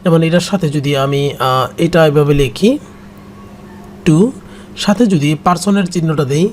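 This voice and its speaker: Slow, patient kanji teacher. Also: mid-range voice, slight background noise. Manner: patient, repeats each word several times. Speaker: Japanese language teacher. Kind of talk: kanji lesson explanation.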